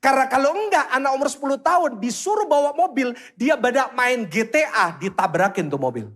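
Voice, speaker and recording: A pastor with a fairly high voice and a lilt delivers a lively sermon at a brisk pace. He preaches animatedly, firing questions at the congregation and briefly acting out voices to make his point.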